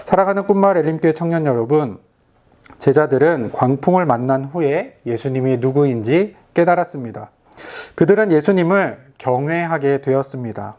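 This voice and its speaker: A man giving a recorded video sermon to a youth group as their pastor, earnest and gentle, speaking directly to his listeners. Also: medium pitch.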